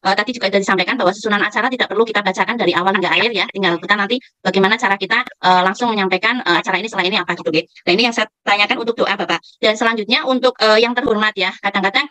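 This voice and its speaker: Bright, fast woman asking. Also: mid-range voice, dry recording. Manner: polite, searching for words. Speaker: local association chair asking a question. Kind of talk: online Q&A question. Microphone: video call.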